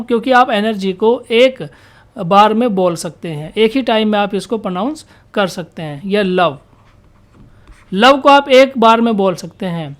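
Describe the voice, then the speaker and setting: A woman with a fairly high voice teaching vocabulary to exam students. She keeps asking questions and answering them herself, and she reads the English definitions out slowly, one word at a time. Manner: asks questions and answers them herself, repeats key words.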